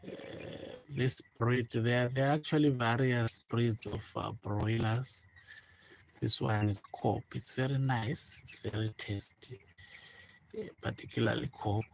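A man speaking softly and hesitantly with many fillers, showing his broiler chickens in a chicken house on a handheld phone. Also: mid-range voice, fairly even intonation, a little slow, creaky, a little hiss or hum, poor audio. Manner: soft, hesitant, many fillers and repeated words. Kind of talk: informal farm walkthrough vlog. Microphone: handheld phone, speaker off camera. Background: chickens chirping.

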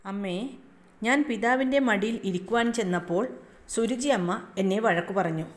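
A woman's voice: medium pitch, moderate pace, close to an everyday voice. Woman voicing young devout prince for a told story; earnest, roomy echo. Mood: hurt. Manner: earnest, pleading.

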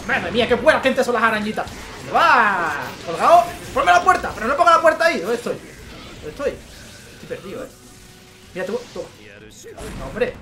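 A man with a Spain Spanish accent giving excitable let's play commentary, with frequent swearing and exclamations. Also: very high-pitched. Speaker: gaming channel host.

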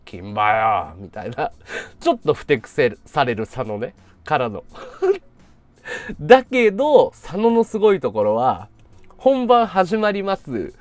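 A man's voice: on the high side, wildly swooping pitch, unhurried, a little mellow, dry recording. A man live-streaming casual chat who tells an anecdote, acting out the people he quotes in changed voices and laughing often.

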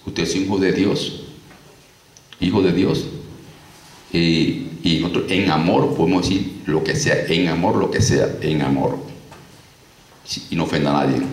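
A man preaching a sermon, lively and repetitive, acting out stories with sound effects. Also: low-pitched. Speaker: pastor. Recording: echoey room, distant mic, faint noise.

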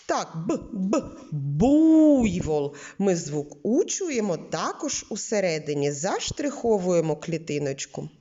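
A woman teaching a literacy lesson to preschoolers, from Ukraine, talking slowly and patiently and drawing out sounds and words. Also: on the low side, very animated, dark tone, highs cut off.

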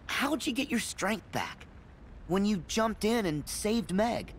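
A man's voice: high-pitched, lively intonation, slow pace, a little hiss or hum, low-quality recording. A young man voicing an earnest, eager teenage boy hero in a video game. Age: young adult. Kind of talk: video game cutscene acting.

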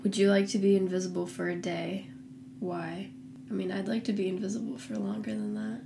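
A young woman chatting as a guest, answering in a slow, deliberate, dry way. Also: mid-range voice, little pitch movement, vocal fry, noisy background. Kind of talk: casual chat.

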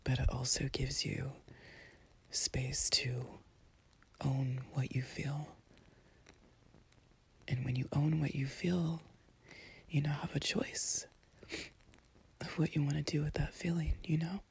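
A woman performs a whispered role-play as a tender, empathic girlfriend. Her whisper is very breathy and husky, with some gravelly fry. She soothes at a very slow pace, leaving long pauses between short phrases. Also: sits low, level tone. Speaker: intimate audio performer playing a comforting girlfriend. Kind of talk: whispered role-play, intimate ASMR comfort.

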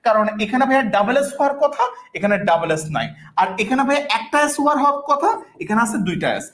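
A woman's voice: high voice, animated, quick pace. A woman teaching a vocabulary class, repeating each word and often checking that students understand. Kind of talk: online class lesson.

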